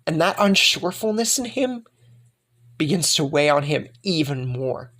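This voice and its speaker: A young man narrating a fan-made story in a slow, dramatic way, repeating words for emphasis. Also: a little high, lively intonation, pushed and bright.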